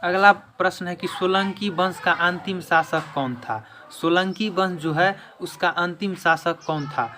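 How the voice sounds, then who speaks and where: A man with a high-pitched, sharp voice and measured pace, an exam-prep teacher and video channel host, gives a quiz lesson explaining question and answer. He restates key points with emphasis, and the background noise is clear.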